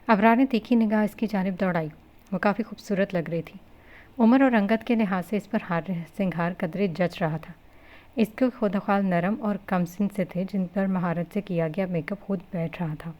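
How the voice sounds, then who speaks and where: A woman narrating a romance novel in a steady storytelling manner. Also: mid-range voice. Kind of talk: Urdu novel reading.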